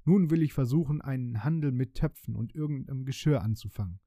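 Gruff scolding beggar husband, dark voice, a man playing him. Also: medium pitch, quick pace, no room sound, clean studio sound, close to an everyday voice. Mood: stern. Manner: firm, scolding. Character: stern beggar-minstrel husband, a king in disguise.

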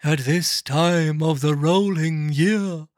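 A mournful chained ghost, wailing its lines out slowly in a high, strained voice, as a man puts him on. The solemn phantom drags every word, dry and close to the mic. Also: no echo. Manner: drawn-out wailing delivery, voice rising high. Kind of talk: dramatic reading of a classic novel.

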